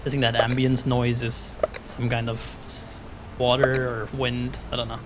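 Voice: mid-range voice, level tone, a little slow, heavy background noise. A person giving casual let's-play commentary on a video game, playful and often talking to themself. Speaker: gaming streamer playing and commenting. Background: game music.

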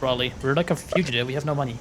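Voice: mid-range voice, racing, background noise. A person giving casual let's-play commentary on a video game, playful and often talking to themself. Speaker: gaming streamer playing and commenting. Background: game music.

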